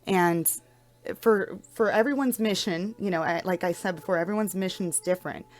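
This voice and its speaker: A young adult woman talking casually about spirituality in a soft-spoken way, often repeating words and restarting her sentences. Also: fairly low pitch, normal speed. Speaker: spiritual vlogger. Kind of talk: casual spiritual talk to camera.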